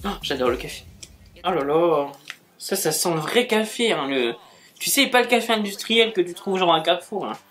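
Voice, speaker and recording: A man's voice: sits high, animated, moderate pace, fairly bright tone. A man chatting casually as he unboxes gifts, gushing and exclaiming as he goes. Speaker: book and manga YouTuber.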